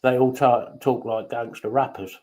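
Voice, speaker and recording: A man in casual conversation, crude and outspoken, with plenty of swearing. His voice sits at an ordinary middle pitch. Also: fairly even intonation, normal speed, mellow, low-quality recording. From England. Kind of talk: casual chat.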